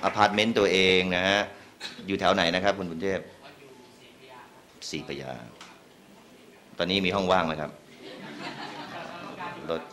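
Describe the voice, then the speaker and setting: A male emcee addresses the audience with formal courtesy. His voice is very deep, yet it carries a crisp, forceful brightness. There is faint noise in the background. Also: steady tone, measured pace, long pauses. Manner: polite, formal emcee delivery. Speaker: event emcee. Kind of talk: announcing and thanking a donor.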